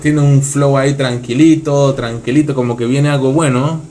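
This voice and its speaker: A man's voice: medium pitch, steady tone, moderate pace. A man reacting to a music video in casual commentary, enthusiastic and repeating short phrases. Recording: loud song playing under the voice.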